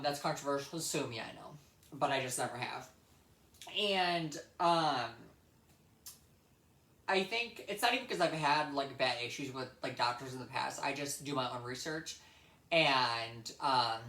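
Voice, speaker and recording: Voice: medium pitch, pushed and bright. Young vlogger just rambling thru a story, blunt, sweary, repeats stuff for emphasis, echoey room. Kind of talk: casual rambling personal storytelling.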